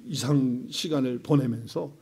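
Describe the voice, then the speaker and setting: A middle-aged man preaching a sermon as pastor, swinging between loud emphasis and quiet asides and acting out prayers in quoted voices. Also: medium pitch, unhurried, husky.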